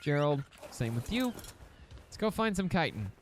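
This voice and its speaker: With a fairly high, sing-song voice at a moderate pace, this young man rambles through a survival game for his YouTube audience and his in-game pets. It's casual let's-play commentary from a native English speaker, with slight background noise.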